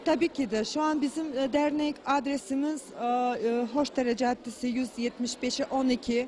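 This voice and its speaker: A woman answers an interviewer in halting, broken Turkish, speaking into a handheld microphone. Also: high voice, fairly even intonation, a little mellow, a little hiss or hum. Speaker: association president, Russian teacher. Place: indoor event venue. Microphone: handheld reporter microphone.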